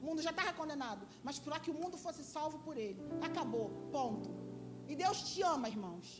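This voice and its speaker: A Brazilian woman missionary preaching a lively, emphatic sermon with joking asides. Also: high voice, quick pace, music in the background. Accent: Brazilian Portuguese.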